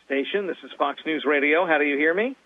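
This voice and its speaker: Radio reporter guy on a tinny space-link line, keeps stumbling and restarting, a bit high voiced. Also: no room sound. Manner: halting, full of fillers and restarts. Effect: phone-like radio link, like a space communicator.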